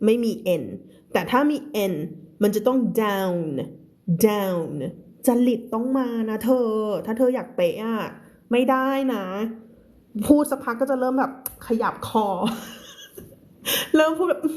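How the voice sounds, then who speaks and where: A woman from Thailand teaching English in a live reading lesson. She reads slowly and deliberately, repeats words as drills, and then switches to quick, chatty explanations with frequent laughs. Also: a little high, a little mellow.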